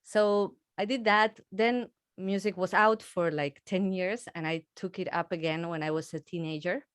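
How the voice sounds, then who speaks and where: A woman's voice: lowish voice, fairly even intonation, normal speed, smooth, no room sound, studio quality. A woman from Argentina, a musician in her thirties, chatting in an interview and laughing often. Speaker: musician guest. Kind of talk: casual interview conversation.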